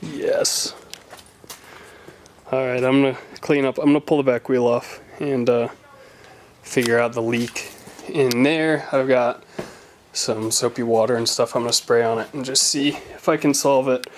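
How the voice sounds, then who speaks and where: A young man narrates his own car project in a loose, casual vlog voice. He sounds excited and pokes fun at himself. A faint hiss of noise sits behind him. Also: medium pitch, normal speed. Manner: excited, casual, self-mocking. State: out of breath. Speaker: car vlogger.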